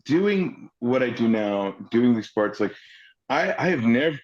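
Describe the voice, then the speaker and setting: A man's voice: medium pitch, measured pace. Storytelling man in his forties, lo-fi audio. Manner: animated storyteller who acts out the people he quotes. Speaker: actor guest. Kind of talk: casual anecdote telling. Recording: slightly dull lo-fi audio.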